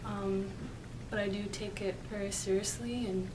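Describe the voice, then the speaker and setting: Female interviewee, earnest and halting; distant mic, noticeable room noise. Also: medium pitch, fairly even intonation. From Canada's East Coast. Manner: earnest, with many fillers. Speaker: student and dancer interviewee. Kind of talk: interview answers.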